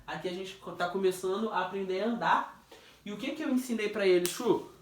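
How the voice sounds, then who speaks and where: A man's voice: high voice, a little hiss or hum. Man teaching physics in an echoey room. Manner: jokey, questioning, drawn-out stressed words. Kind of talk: informal classroom review. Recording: echoey room, distant mic.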